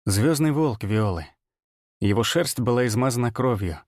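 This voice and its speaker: A man reading a first-person audiobook story in a measured, grim way. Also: medium pitch, expressive, a little mellow, no echo, studio quality. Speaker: audiobook narrator.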